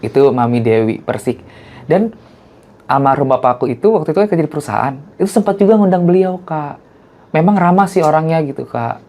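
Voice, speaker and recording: A man's voice: expressive, fairly quick, mellow. A man, a guest in casual chat, telling stories and acting out quotes. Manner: chatty storyteller who acts out quotes in a high voice.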